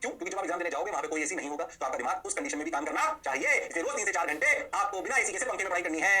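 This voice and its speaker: A man lectures on physics at a breakneck clip, his voice pitched high and sharply bright. He slips English terms into his Hindi and banters back as his own imagined student. He records in a quiet studio. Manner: rapid, animated, mixing English terms into Hindi; answers himself in a student's voice. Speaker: physics teacher.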